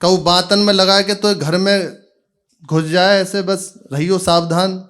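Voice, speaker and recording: A man voicing an exasperated young cowherd son with a Braj accent, repeating words loudly so a deaf mother can hear. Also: high voice, steady tone, smooth, voice pushed up. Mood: exasperated pleading. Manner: shouting slowly to be heard, repeating words.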